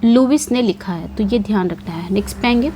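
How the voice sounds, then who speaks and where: A woman teaching English literature for an exam, posing questions and answering them herself. She repeats key points and reads the English quiz questions slowly. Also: mid-range voice, mellow, slight background noise. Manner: repeats key points with frequent check-ins. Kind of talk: exam-prep lecture.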